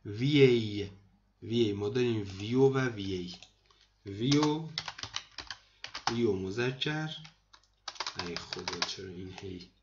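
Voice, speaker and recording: A man teaching vocabulary to students in a screen lesson, repeating each word slowly and explaining it. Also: fairly low pitch, muffled recording, background noise. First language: Persian. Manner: repeats words slowly, addresses students as kids. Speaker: language teacher.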